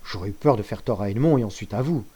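A man voicing a sly, scheming male ship's accountant who answers in a smooth, guarded, persuasive way in a storybook reading. His voice is lifted a little above his narrating tone. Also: fairly low pitch, quick pace, mellow.

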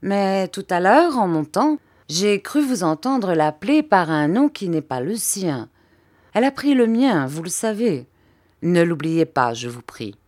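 A woman voicing a stern, controlling stepfather who speaks in a smooth, measured, menacing way. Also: lowish voice, big pitch swings, a little mellow. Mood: cold control.

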